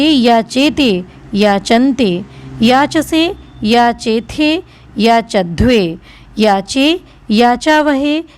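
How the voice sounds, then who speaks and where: A woman runs a Sanskrit grammar lesson at a slow, careful pace. Her voice sits fairly high as she reads out each verb form. She repeats whole tables so learners can follow along. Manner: slow, drills word forms aloud one by one, asks "friends" questions. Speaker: Sanskrit teacher.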